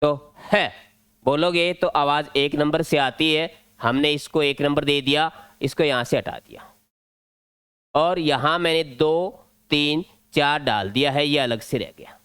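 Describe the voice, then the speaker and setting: Man teaching exam grammar, Rajasthani accent, slightly high voice, smooth, dry close sound. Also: unhurried, fairly bright tone, dry recording. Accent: Rajasthani Hindi. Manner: step-by-step explaining, drilling points. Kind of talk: exam-prep grammar lesson at a board.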